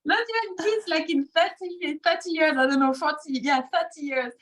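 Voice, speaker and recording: A woman's voice: high-pitched, moderate pace, a bit bright. A middle-aged woman from France with a French accent, chatting as an interview guest, with lots of fillers and easy laughter. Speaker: guest, facial cupping practitioner. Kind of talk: casual interview chat.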